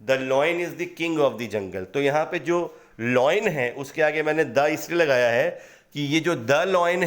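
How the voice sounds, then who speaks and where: A man with a somewhat high voice and an Indian accent takes learners through grammar slides one point at a time. He poses questions and answers them himself. He reads each English example sentence slowly and deliberately. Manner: explains step by step, asks and answers his own questions. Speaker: English teacher. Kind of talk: slide-based grammar lesson.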